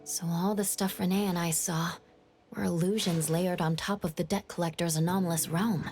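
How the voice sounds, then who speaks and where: A woman with a lowish, darkish voice plays an earnest, thoughtful young investigator in an anime-style game, acting it lightly. She reasons aloud at a normal pace with fairly even intonation, sounding pensive and concerned. Faint music plays behind her.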